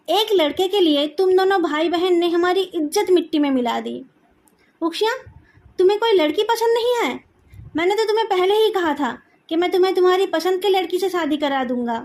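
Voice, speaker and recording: A woman's voice: very high voice, moderate pace, pitched above the performer's own voice. A woman voicing an angry, strict middle-aged father who scolds his children, in a fan story read aloud. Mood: angry scolding. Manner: shouting scolding.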